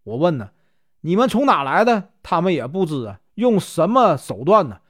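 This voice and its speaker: A man's voice: fairly high pitch, sing-song, normal speed. A man with a Northeastern Mandarin accent voicing a puzzled twelve-year-old boy who speaks plaintively.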